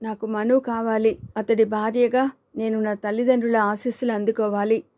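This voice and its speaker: A woman's voice: a little high, little pitch movement, normal speed, warm tone, dry recording, studio quality, natural voice. A woman voicing Devika, a timid and tearful young woman in love, pleading and despairing in an audiobook reading.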